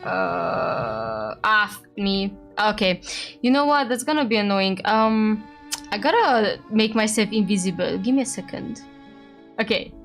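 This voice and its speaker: A woman's voice: medium pitch, lively intonation, measured pace, gravelly, soft background music. A woman livestreaming a game over a headset mic, chatting casually to her viewers in a rambling way and often correcting herself mid-sentence. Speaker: livestreamer playing a game with a co-host. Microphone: livestream headset audio.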